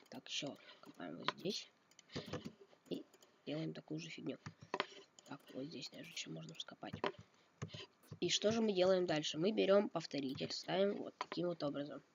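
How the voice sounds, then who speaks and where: A slightly ill man makes a casual game tutorial, thinking aloud, correcting himself and coughing now and then. His voice is a little high with vocal fry, caught on a dull, noisy lo-fi mic over keyboard and mouse clicks.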